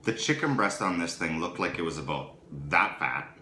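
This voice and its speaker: A man, co-hosting a casual chat and telling a story with lively acted-out quotes. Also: low voice, moderate pace. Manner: animated storyteller, acts out quotes. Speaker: podcast co-host. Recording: echoey room with faint background noise.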